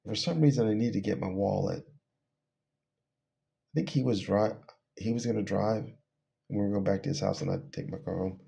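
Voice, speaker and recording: A man's voice: fairly low pitch, moderate pace, gravelly, pauses often, dark tone. A middle-aged man casually telling a personal testimony, rambling and laughing between phrases as he trails off. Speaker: storyteller.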